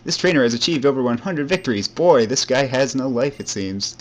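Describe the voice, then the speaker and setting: A man's voice: medium pitch, animated, fairly quick. A young man giving casual, rambling commentary over a video game, with frequent fillers and self-deprecating asides. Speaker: let's play commentator.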